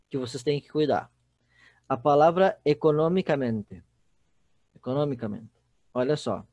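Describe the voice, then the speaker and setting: With a fairly high-pitched, darkish voice, a man teaches Spanish in a recorded online class, his Brazilian Portuguese accent audible. He walks through the material step by step, frequently checking on his students, and the recording is dry.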